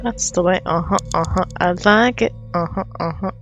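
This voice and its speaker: A woman streaming a game, slowly thinking aloud through puzzles. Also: fairly low pitch, a bit bright. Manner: slow, musing, thinks aloud over puzzles. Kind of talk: let's play commentary. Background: game music.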